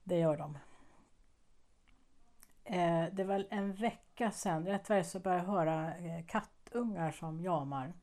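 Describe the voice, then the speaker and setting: Chatty woman with a lowish voice. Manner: chatty, rambling, musing aloud with soft laughs. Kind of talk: casual vlog chat. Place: living abroad in a warm place.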